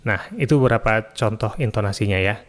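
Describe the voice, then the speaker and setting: A man hosting a screen-recorded software tutorial, explaining each step calmly and adding "ya" and "eh" often, recorded on a studio microphone. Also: lowish voice, a little fast. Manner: relaxed step-by-step explaining with frequent "ya" and "eh". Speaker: YouTube tutorial host. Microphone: studio mic through an audio interface.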